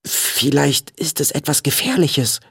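A man's voice: fairly high pitch, a little slow, creaky, fairly bright tone, husky, no room sound, studio quality, exaggerated voice. A man voicing a timid, anxious young boy who whispers fearfully.

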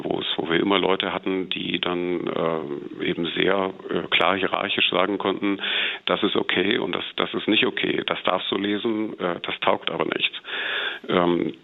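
A man's voice: low voice, vocal fry. A male literature scholar speaking hesitantly with many fillers in a radio interview over a phone line. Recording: telephone line.

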